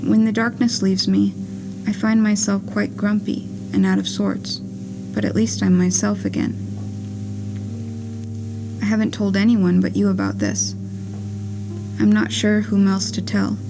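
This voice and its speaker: In a low-quality recording of a live theatre performance with music, a woman reads her own written puppet-play monologue, shaped like a letter, in a wry, plain storytelling style. Her medium-pitched voice is expressive and unhurried, with vocal fry and long pauses.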